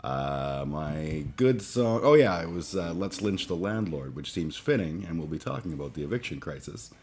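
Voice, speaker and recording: Groggy forties streamer, very deep voice, rambling and profane, light background noise. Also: male voice, animated, darkish tone. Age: 40s. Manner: halting, many fillers and restarts, profane. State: groggy after a late night. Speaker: livestream host. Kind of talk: casual rambling chat.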